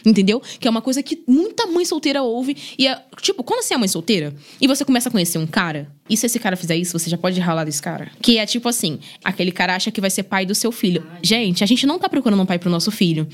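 A woman's voice: medium pitch, quick pace, hardly any pauses. A young Brazilian woman, a guest on a podcast, chatting casually about her life as a single mother and filling her speech with "né?" and "gente". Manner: chatty, animated, lots of "né?" and "gente". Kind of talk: casual chat, personal storytelling.

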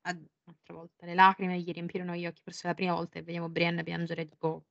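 A woman's voice: lowish voice, completely flat delivery, fast talker, gravelly, no echo, lo-fi sound. A woman co-hosting a casual book podcast. She reads passages aloud with drama and jokes and swears freely between them. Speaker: podcast co-host.

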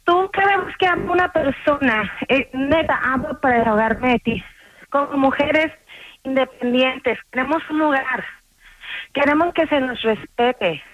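A woman calls in to a radio show and talks in an indignant, insistent way. Her voice sits high, and it comes through a muffled phone line with clear hiss behind it. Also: measured pace. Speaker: caller.

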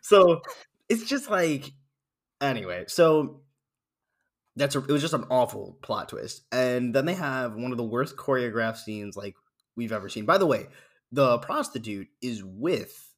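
A man co-hosting a podcast in casual chat, reviewing a movie with mocking energy and acting out scenes with sudden loud screams. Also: medium pitch, lively intonation, a little slow.

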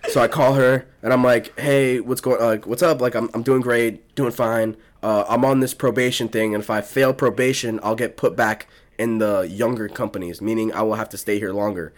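A young man in casual podcast chat tells a story in a relaxed, profane way. His voice sits mid-pitched and easygoing, full of fillers and restarts. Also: normal speed. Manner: profane, laid-back storytelling with lots of fillers. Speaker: podcast co-host.

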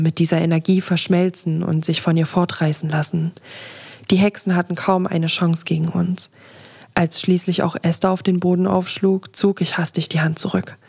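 A woman narrating a fantasy story in the first person, steady and expressive, as a podcast narrator. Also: fairly low pitch, gravelly.

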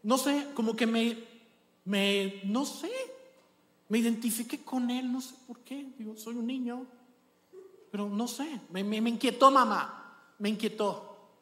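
A man's voice: very high voice, measured pace, pauses often. A man doing a hesitant, scared little boy. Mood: uneasy. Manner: soft, hesitant, stammering child voice. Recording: echoey church hall.

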